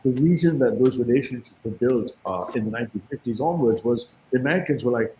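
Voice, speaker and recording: A man moderates an online debate stream at a fast clip, jumping in to keep order. His voice comes through a dull, lo-fi call line with a faint background hum. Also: medium pitch, animated, warm tone, reverberant. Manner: quick, interrupting to keep order. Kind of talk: casual group debate on a stream.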